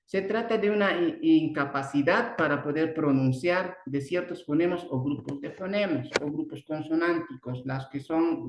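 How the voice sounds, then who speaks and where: A man with a Bolivian Spanish accent giving an online speech therapy lecture, halting often, restarting words and tagging sentences with a questioning "no". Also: fairly high pitch, lo-fi sound. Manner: halting, many restarts and "¿no?" tags. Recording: roomy echo.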